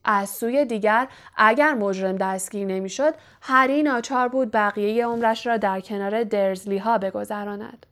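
A woman narrating an audiobook in a measured, even reading style. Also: mid-range voice. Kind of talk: scripted narration.

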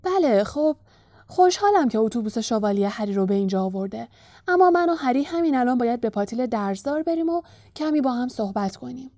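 A man's voice: very high voice, animated, creaky, warm tone, no echo, studio quality, heavily acted. A woman voicing a short, stout, weary male minister who talks curtly and impatiently in a storybook reading. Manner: impatient, curt, sarcastic.

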